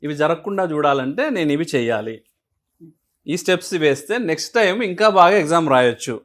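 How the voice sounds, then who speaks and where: Man w explaining stuff, kinda high voice, asks himself questions. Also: brisk. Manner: animated, asks and answers his own questions. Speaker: guest speaker on emotions. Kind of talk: explanatory interview talk.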